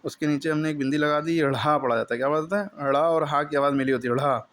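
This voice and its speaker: A man's voice: fairly high pitch, fast talker, a bit bright. A man teaching the alphabet in a classroom lesson, explaining patiently step by step and drilling each sound for a pupil to repeat.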